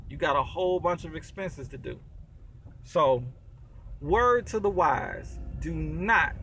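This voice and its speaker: Man, high voice, used-car dealer, blunt and slangy, casual vlog, small office. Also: a bit bright, a little hiss or hum. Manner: blunt, slangy, talks straight to the viewer.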